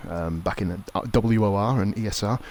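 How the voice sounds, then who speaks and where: A man's voice: lowish voice, normal speed, a little mellow, a little hiss or hum. A man with a lisp, giving casual, sweary, bantering livestream race commentary as host. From South West Wales.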